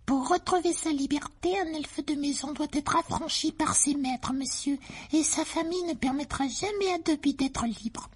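A performer voicing a tiny, servile male house-elf in an audiobook. The elf squeaks, keeps saying "sir" and talks about himself in the third person. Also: moderate pace, lightly acted. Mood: fearful. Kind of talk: audiobook character voice.

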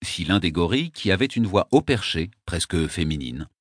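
A man reading a first-person novel aloud as an audiobook narrator, measured and dry. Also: low-pitched, lively intonation, husky, no room sound.

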